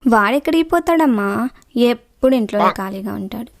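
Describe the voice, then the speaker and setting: A woman's voice: fairly high pitch, lively intonation, a little fast. A woman acting in a scripted comedy sketch, chatty and teasing. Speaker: sketch actor.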